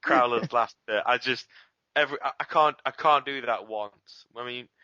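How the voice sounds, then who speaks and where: A bright, forward man chats about writing his abridged series, quick and self-deprecating. The audio is dull and lo-fi, and dry with no room around it. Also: medium pitch, no echo. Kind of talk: casual interview chat.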